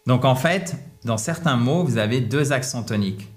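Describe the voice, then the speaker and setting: A man teaching English pronunciation, explaining in a lively, teasing way and prompting his guests. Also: medium pitch, normal speed.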